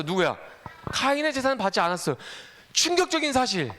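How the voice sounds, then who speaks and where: A man, a pastor, giving a children's sermon, animated and asking the children questions as he tells the story. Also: high voice, smooth.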